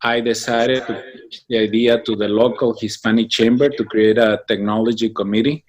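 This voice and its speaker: A Mexican man, founder of a business association, answers interview questions as a guest in a halting, thoughtful way with many fillers and restarts. His voice is fairly low in pitch and steady in tone. The sound is lo-fi.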